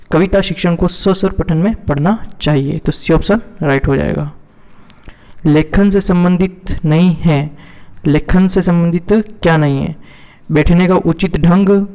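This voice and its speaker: A man's voice: a little high, warm tone. A male teacher going through multiple-choice exam questions, repeating each question and then answering it himself. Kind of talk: exam-prep lesson, reading out and explaining multiple-choice questions. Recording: hall reverb.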